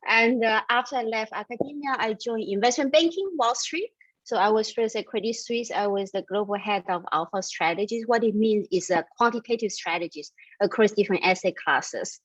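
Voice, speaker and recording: Heard in a dry, lo-fi recording, this fairly high-pitched woman speaks at a moderate pace. She's a middle-aged, Austria-raised startup founder from Taiwan, replying to interview questions with eager sincerity, frequent fillers, and the occasional laugh.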